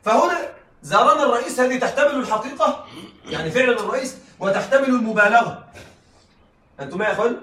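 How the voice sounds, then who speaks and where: Male lecturer, rapid and high-voiced, keeps asking the class if they follow; roomy sound from a mic set back. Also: lively intonation, bright, forceful tone. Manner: checks in with the class, frequent laughing asides. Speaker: teacher. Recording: echoey room, mic at a distance.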